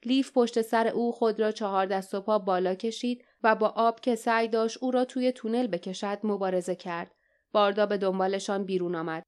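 A woman narrating an adventure audiobook in a steady, dramatic storytelling manner. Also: mid-range voice, clean tone. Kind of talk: scripted narration.

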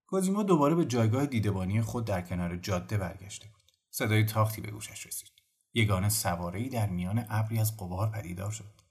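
Male storyteller with lively intonation. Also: on the low side. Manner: calm, measured narration. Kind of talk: bedtime audiobook reading. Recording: faint music behind.

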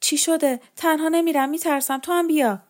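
A woman's voice: high-pitched, voice pushed up, lightly acted. A woman voicing a frightened, guilt-ridden spinster aunt who pleads and rails in an agitated, self-reproaching way in a storybook reading.

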